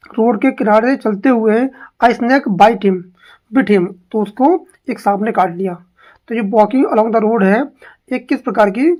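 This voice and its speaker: A woman teaching an exam practice lesson, reading English questions out slowly and then explaining quickly in Hindi, repeating each answer and asking herself questions. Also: medium pitch, a little mellow.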